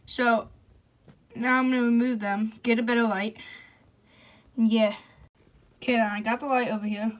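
A young woman chatting casually off camera while filming her ant colony, excitable and sometimes dropping to a whisper. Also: fairly high pitch, normal speed, long pauses. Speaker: ant-keeping vlogger. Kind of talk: casual off-camera vlog narration.

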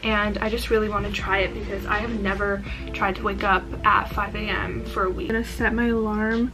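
A woman's voice: mid-range voice, flat delivery, a little fast, music in the background, rough recording. A woman in her twenties talking casually to camera in an informal vlog style, sprinkling in lots of filler "like". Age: 20s. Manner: informal, with frequent use of "like". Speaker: vlogger. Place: small rooms at home, later a parked car.

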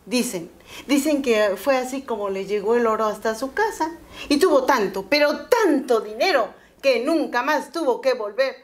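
A woman storyteller narrating a folktale in a lively, expressive way. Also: on the high side, normal speed. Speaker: storyteller guest.

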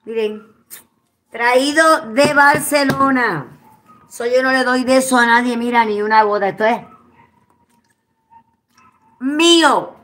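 A Puerto Rican woman chatting casually with her followers at home, expressive and quick to swear. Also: on the high side. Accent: Puerto Rican Spanish. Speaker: vlogger. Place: at home, indoors.

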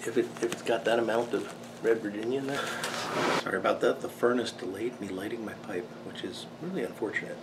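An American man in his fifties giving a casual, rambling video review in a halting, unhurried way, recorded in a small workshop. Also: on the low side. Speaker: pipe tobacco reviewer. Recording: clearly noisy room background.

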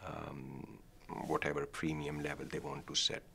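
A middle-aged man from Pakistan, a professor, answering interview questions thoughtfully with many ums and pauses, in a studio. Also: rumbling low, completely flat delivery, creaky, sharp tone, a little hiss or hum. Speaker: guest, professor. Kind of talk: academic interview. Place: dark studio set, seated.

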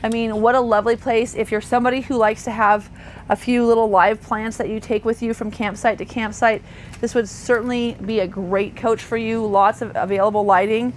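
Fairly quick and steady in tone, a woman's fairly high voice guides a thorough walkthrough inside a parked motorhome. She's an RV sales associate talking chattily with fillers and self-corrections, while air conditioning hums faintly.

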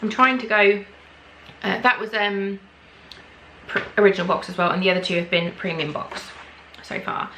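A young English woman chatting excitedly as she tries snacks on her vlog at home, gasping at what she finds. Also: mid-range voice, normal speed, a little hiss or hum, rough recording. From England. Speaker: vlogger. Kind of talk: casual snack-tasting vlog.

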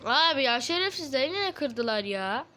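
A woman with a high, bright-sitting voice narrates her survival game in a loose, slangy way. She talks while lying down and jumps quickly from chatty explanation to excited yelling. Faint background noise sits under her voice. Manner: excitable, slangy, shouts in bursts. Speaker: gaming video host. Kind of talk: casual gameplay commentary.

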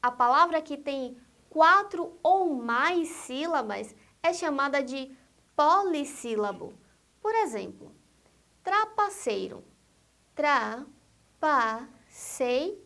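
A woman with a Brazilian Portuguese accent teaching a grammar lesson, saying each example word twice in a deliberate way. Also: high voice, lively intonation, sharp tone.

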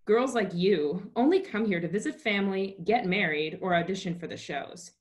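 A woman's voice: mid-range voice, expressive, normal speed, lightly acted. Woman reading as a polite teasing city man. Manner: polite, smooth.

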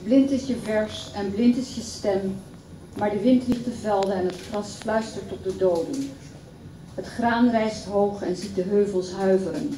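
A woman reciting a poem at a public event in a measured, solemn reading. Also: medium pitch, noisy background. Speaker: poetry reader. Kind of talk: poetry recitation. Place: event hall. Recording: echoey hall from far off.

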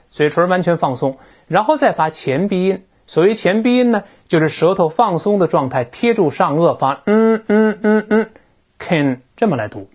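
A teacher giving a recorded grammar lecture, animated and explanatory, drawing words out slowly to model how they sound. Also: medium pitch. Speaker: English teacher. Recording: dull lo-fi recording.

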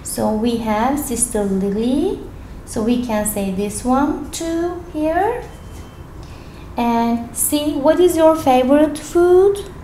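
A Turkish-speaking woman teaches English, sitting indoors at a desk with a paper worksheet, reading its questions aloud and explaining each answer step by step. Her voice is fairly high with a dark tone. The poor recording is reverberant, with slight background noise.

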